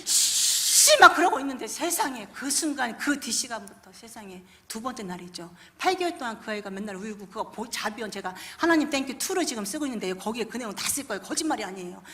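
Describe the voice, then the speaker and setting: High, lively woman giving church testimony. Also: quick pace, few pauses. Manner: swings from hushed to shouting, acts out prayers. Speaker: pastor's wife giving testimony. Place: large church hall.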